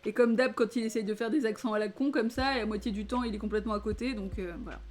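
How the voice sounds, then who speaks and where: Female host from France, casual film talk, lighter pitch, loose and giggly delivery. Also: steady tone, fast. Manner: chatty, laughs often, many fillers. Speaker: film reviewer. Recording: faint music behind.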